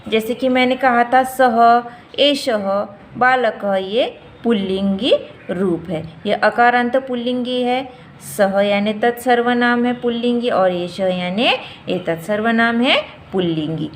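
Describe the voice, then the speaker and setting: A woman teacher talks through a grammar lesson at a very unhurried pace. She says each form deliberately and repeats it for practice. Her voice sits a little high, and faint noise hums behind her. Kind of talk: grammar lesson explaining and drilling forms.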